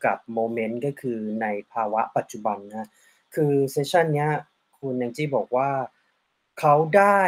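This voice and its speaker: A man of ordinary pitch hosts an interview and switches between two languages. He puts questions to his guest, then politely summarizes her answers in his own words for the audience, with many courteous particles between phrases. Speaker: interviewer and translator. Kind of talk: bilingual interview with translation.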